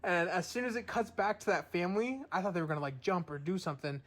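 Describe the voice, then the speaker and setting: Young male podcast co-host, slightly high voice, loose and profane storyteller. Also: quick pace. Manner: loose storytelling, swearing freely, acting out quotes. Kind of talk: casual chat.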